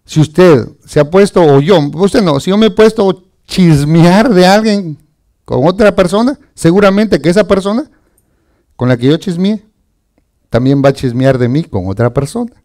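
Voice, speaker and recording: A man preaching a lively sermon, often chuckling and calling his listeners brother. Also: high voice, normal speed.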